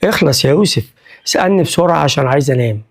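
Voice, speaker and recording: A man's voice: fairly high pitch, animated, racing, creaky. A man with an Egyptian accent voicing a busy, short-tempered middle-aged father who talks in curt, irritable bursts. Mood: irritated.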